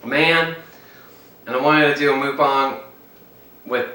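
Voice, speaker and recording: Man, eating vlogger, rambles as he chews, bright forceful tone, off-mic in a roomy, faintly hissy space. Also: medium pitch, fairly even intonation, slow. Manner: rambling, chatty, talks while chewing. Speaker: mukbang vlogger. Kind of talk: casual eating vlog. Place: indoors, filming alone. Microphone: camera mic set up by himself. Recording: echoey room, mic at a distance, faint noise.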